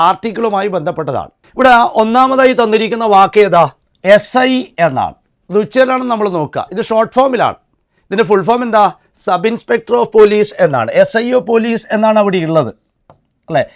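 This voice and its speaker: Man, high-pitched voice, exam-coaching teacher, grammar lesson, asks and answers his own questions, spells letters out slowly. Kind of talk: classroom-style grammar lesson.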